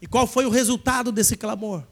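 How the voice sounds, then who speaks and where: A man preaching a sermon in church, his voice sitting unusually high. He leads the congregation in call-and-response and rises to shouting at the peaks. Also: steady tone, brisk, vocal fry. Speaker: pastor.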